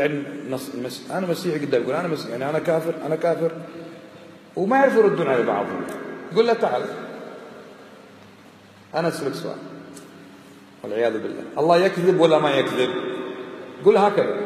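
A man giving a religious lesson, pressing his listeners with insistent rhetorical questions. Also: a little high. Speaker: religious teacher. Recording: echoey hall, faint background noise.

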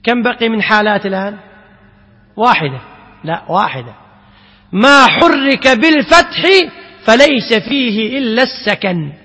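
A man with a very high, bright voice teaches Quranic recitation to a class. He quizzes his students and repeats each rule slowly, chanting verses in a drawn-out way. His voice rings out with a long hall reverb. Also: animated, husky. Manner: asks students questions and repeats key points slowly.

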